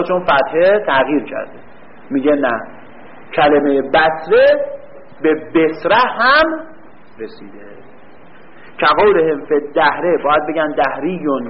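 Male teacher, pitch leaps and dips a lot, asks the room and answers himself, muffled lo-fi recording. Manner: quizzes the class and answers his own questions; reads a line slowly, then explains it quickly. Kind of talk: classroom lecture on grammar. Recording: dull lo-fi recording.

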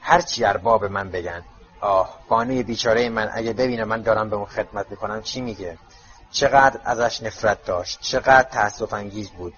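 A man voicing a bitter, ancient male house-elf servant who mutters insults in a croaking voice, on dull lo-fi audio. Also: mid-range voice, lively intonation, fairly bright tone, lightly acted. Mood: resentful. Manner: grumbling insults under his breath.

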